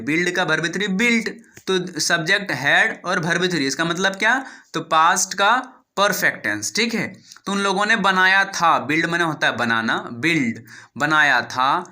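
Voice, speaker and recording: A man's voice: a little high, sharp tone. A man with an Indian accent teaching English, reading a story line by line, translating each phrase, spelling out words and asking and answering his own questions.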